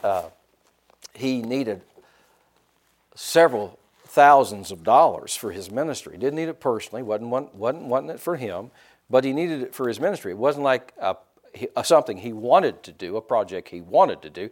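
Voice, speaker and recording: A pastor delivers a sermon in a folksy, animated style, acting out quotes and leaning heavily on "you know." His voice sits at medium pitch and moves at a normal speed.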